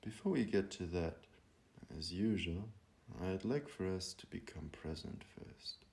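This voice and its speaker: A man leading a guided meditation, speaking calmly and softly with long pauses. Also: sits low, vocal fry. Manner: slow, calm and soft-spoken, with long pauses.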